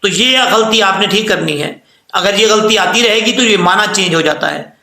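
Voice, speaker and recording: A patient male recitation teacher explains the rules and then stretches each phrase out slowly. His voice sits high and bright, and a gravelly rasp runs under it. The sound bounces around a roomy, echoey space. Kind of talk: tajweed lesson with recitation.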